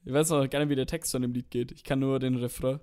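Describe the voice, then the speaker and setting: A man's voice: medium pitch, fairly even intonation, fast talker, a little mellow. A man co-hosting a podcast in casual chat, rambling, using slang and swearing. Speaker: podcast co-host.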